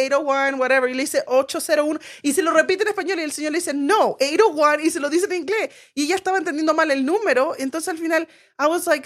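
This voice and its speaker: A middle-aged woman tells a story on a relaxed family podcast, switching between plain telling and quoting others. Her voice is high. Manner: storytelling, acts out the people she quotes. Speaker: podcast co-host. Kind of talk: casual family chat.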